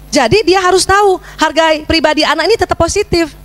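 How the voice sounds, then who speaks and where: A middle-aged woman giving a religious parenting lecture, lively and teasing her audience with questions. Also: extremely high pitch, brisk. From Indonesia.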